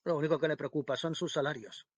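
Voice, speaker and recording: A man's voice: on the high side, fairly even intonation, fast, no echo, natural voice. A man doing a harsh bitter invalid mother. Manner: harsh, insulting.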